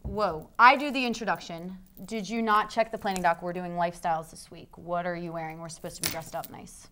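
A woman's voice: fairly low pitch, steady tone, fairly quick, bright, forceful tone, soft background music. A young woman co-hosting a student comedy sketch, bossy and scolding. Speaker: student show co-host. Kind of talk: comic sketch banter.

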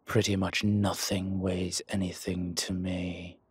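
A man plays a dragon crime lord in intimate roleplay audio, his voice very husky and low with little pitch movement. He speaks slowly and deliberately with breath in his words, commanding yet teasing and protective, fully in character, in a playful, relaxed mood.

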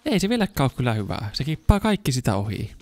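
A young man giving casual let's-play commentary, chatting to himself as he plays and now and then bursting into excited shouts. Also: medium pitch. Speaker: gaming YouTuber.

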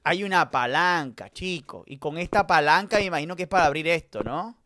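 A man streaming a horror game live, talking to his chat and swinging between mutters and loud outbursts. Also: on the high side, fairly quick, slight background noise. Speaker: gaming streamer. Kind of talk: live let's-play commentary.

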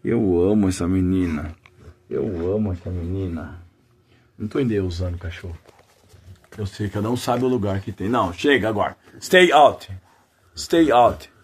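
A man's voice: deep voice, normal speed, darkish tone, breathy edge. A man who breeds dogs, chatting casually to his dogs and viewers, cooing at them in fond baby talk and speaking in a folksy, devout way. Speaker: dog breeder.

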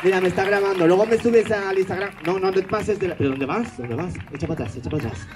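A man's voice: high-pitched, fast, a crowd in the background, rough recording. A man doing stage comedy, teasing the audience in a sarcastic, mock-grumpy way.

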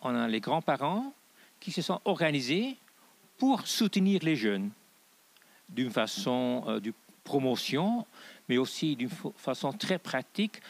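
Middle aged guy on a panel, flemish accent in french, slow halting talk, bit of gravelly fry. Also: medium pitch. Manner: halting, deliberate non-native phrasing. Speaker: panel speaker. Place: large auditorium stage. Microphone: handheld microphone.

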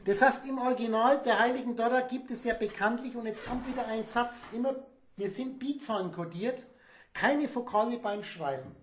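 A man's voice: extremely high pitch, normal speed, a little hiss or hum. Rambling man lecturing in an echoey room. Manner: rambling, emphatic, digressive. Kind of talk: spontaneous lecture.

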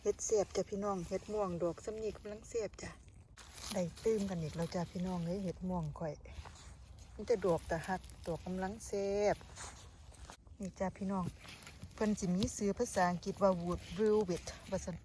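A woman with an Isan accent talks in a chatty, exclamatory way while she forages in the woods and films on a handheld camera. Her voice sits at an average pitch. The outdoor recording carries clear background noise and nature sounds. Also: moderate pace, rough recording. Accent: Isan (Northeastern Thai). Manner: lively, exclaims often, calls viewers "brothers and sisters". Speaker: vlogger foraging for wild mushrooms. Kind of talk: chatty walk-and-talk narration to viewers. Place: outdoors in woodland.

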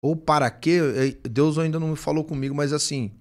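A man, a pastor telling his testimony in animated, casual conversation and acting out the dialogue. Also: a little high, fairly quick. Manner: animated storytelling, acts out dialogue.

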